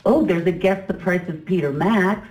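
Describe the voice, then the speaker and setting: Female travel host: conversational guide, lower register, roomy sound with background music. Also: normal speed, darkish tone. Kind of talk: casual travel chat. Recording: echoey, music behind.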